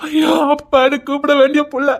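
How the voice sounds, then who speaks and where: A woman's voice: high-pitched, level tone, a little fast, close to an everyday voice. A woman playing a tearful loving father with a Tirunelveli accent. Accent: Tirunelveli Tamil. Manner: tender, tearful.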